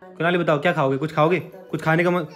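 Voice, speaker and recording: A man's voice: on the high side, steady tone, quick pace, fairly bright tone. A young man filming a casual home vlog, patiently coaxing and explaining things to a sick child. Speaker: vlogger. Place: family home.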